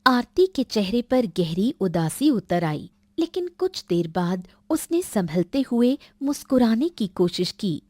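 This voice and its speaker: A woman narrating a Hindi cartoon story in a measured, somber way. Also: mid-range voice, very animated, mellow, dry recording, clean studio sound.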